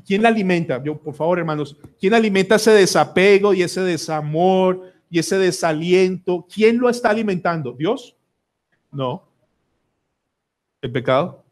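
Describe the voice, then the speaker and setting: A man's voice: high voice, unhurried. A Colombian man preaching a sermon as pastor, emphatic and pleading, putting question after question to the congregation. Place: church sanctuary.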